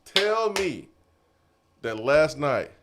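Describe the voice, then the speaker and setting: A man hosting a casual sports talk show, animated and quick to laugh. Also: a little high, noisy background. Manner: animated, laughing, drawn-out emphasis. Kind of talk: casual sports radio chat. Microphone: studio mic.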